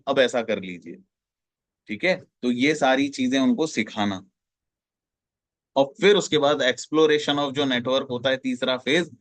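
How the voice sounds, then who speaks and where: A man's voice: mid-range voice, fairly bright tone, no room sound. A man training direct sellers, explaining slides in a repetitive, emphatic way and addressing listeners as companions.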